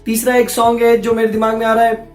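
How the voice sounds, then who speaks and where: A man's voice: very high voice, completely flat delivery, quick pace, a little mellow. A man, a voice-over artist, giving a casual, playful spoken lesson and talking to viewers as friends. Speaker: voice-over artist teaching pronunciation. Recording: roomy echo with faint background music.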